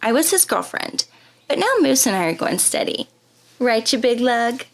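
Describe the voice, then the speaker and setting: A woman's voice: fairly high pitch, big pitch swings, moderate pace, gravelly. A woman voicing a haughty, catty young ex-girlfriend in a comic audio drama. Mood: smug.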